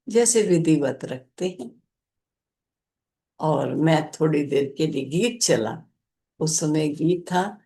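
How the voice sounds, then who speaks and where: An older woman gives a spiritual talk at an unhurried, drawn-out pace. Her low voice carries a gravelly edge. She tells a personal story gently, as a teacher to her listeners. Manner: slow, gentle recounting of a personal experience.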